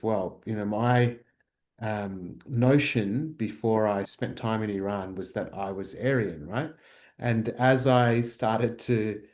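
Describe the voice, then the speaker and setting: A man's voice: on the low side, a little mellow. A man, a researcher, talking reflectively in a workshop, thoughtful and searching, with many fillers and restarts. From Australia.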